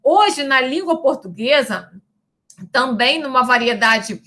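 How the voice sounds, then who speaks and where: Bright, high-voiced woman teaching a lesson. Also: animated. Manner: didactic, checks in with "né?" and "tá?"; stretches out example words slowly. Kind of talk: recorded lecture.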